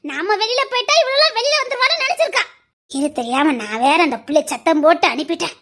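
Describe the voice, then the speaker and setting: A woman's voice: very high-pitched, pushed and bright, full character voice. An actress playing a bitter, abandoned middle-aged wife who lectures emphatically and repeats her warnings, in serial drama style. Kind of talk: Tamil serial drama acting.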